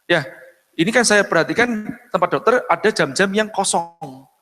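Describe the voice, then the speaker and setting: A man with a fairly high voice gives a business seminar in a chatty lecturing manner. He checks in with his audience often and keeps clearing his throat. His voice rings with long reverb in a hall. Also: animated, normal speed, pushed and bright. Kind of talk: live business seminar talk.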